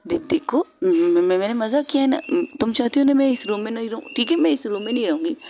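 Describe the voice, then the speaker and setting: A woman's voice: lowish voice, little pitch movement, rapid-fire, dark tone, slight background noise, lightly acted. A woman voicing a frightened young woman who stammers and repeats her pleas while cornered. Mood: panicked.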